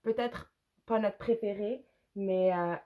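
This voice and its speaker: A woman with a Quebec French accent and a hoarse, gravelly voice, casually reviewing books in a hesitant, rambling way with English words slipped in. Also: mid-range voice, slow pace, warm tone. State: hoarse, with a cough. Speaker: book reviewer, mother. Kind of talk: casual unscripted review to camera.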